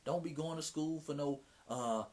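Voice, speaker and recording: A man's voice: fairly high pitch, normal speed, a little mellow. A man from Atlanta with a Southern Mississippi twang, hosting his own livestream in frank, slangy casual chat. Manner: slangy, frank, drops profanity, many restarts.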